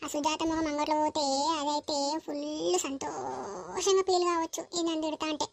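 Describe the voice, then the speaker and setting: A woman's voice: sits high, steady tone, moderate pace, a little hiss or hum. A woman voicing a grumbling young village daughter-in-law with a Telangana accent. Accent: Telangana Telugu. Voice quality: muttering, grumbling.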